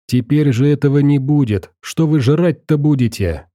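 A man's voice: a little high, normal speed, mellow, no room sound, studio quality, natural voice. A man voicing an earnest young metro survivor who talks insistently to a group of captives, in an audiobook.

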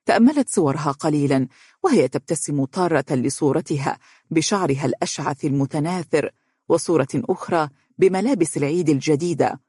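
A narrator reading an audiobook story in an even, measured storytelling voice. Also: mid-range voice, breathy edge, no echo, clean studio sound.

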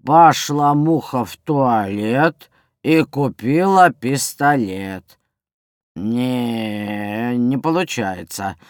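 A man's voice: mid-range voice, drawn-out words, clean tone, dry recording, studio quality. An actor playing a lazy mustached kiosk seller in a children's story, who drawls his words and teases in sing-song rhymes. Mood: teasing. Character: lazy mustached kiosk seller, middle-aged man, rhyming joker.

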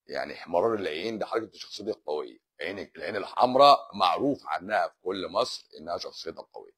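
A husky-voiced Egyptian man, a doctor on a live stream, rattles through viewer questions at a quick clip. He teases and mocks, and his pitch swings widely as he talks. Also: a bit bright. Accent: Egyptian Arabic. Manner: joking, teasing and sarcastic. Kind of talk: casual live Q&A reading viewer comments.

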